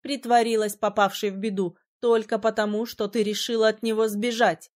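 A woman voicing a cruel female mermaid leader who sneers and threatens slowly. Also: on the high side, little pitch movement, darkish tone, natural voice. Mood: mocking.

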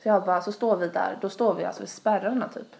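A woman's voice: mid-range voice, steady tone, gravelly, darkish tone. A young woman, rambling through a long story in casual podcast chat, full of fillers. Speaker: podcast host.

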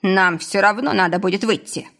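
A woman reading a nervous, panicky young man in a husky voice. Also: mid-range voice, normal speed, a bit bright.

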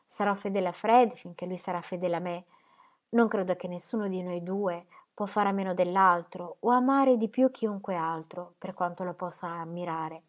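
Woman reading as a sharp, teasing young woman. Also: on the low side, moderate pace, lightly acted. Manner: teasing, affectionate. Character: young woman, sharp-witted loving daughter.

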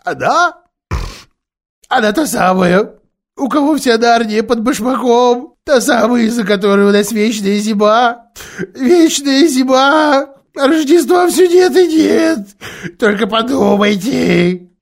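A man voicing a weeping, remorseful male faun who talks in a high, pleading, sobbing voice in an audiobook. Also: fairly even intonation, slow pace, exaggerated voice. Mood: anguished. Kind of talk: audiobook character voice.

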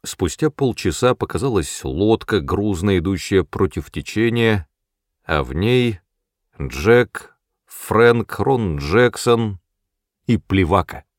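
A man narrating an audiobook in an even, unhurried storytelling manner. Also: fairly low pitch, dry recording, clean studio sound. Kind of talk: scripted narration.

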